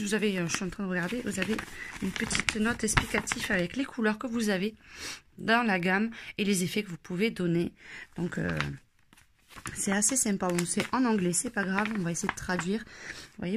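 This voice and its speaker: A woman's voice: mid-range voice, slight background noise. A woman chatting casually through a craft shopping haul, with many hesitations. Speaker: craft vlogger.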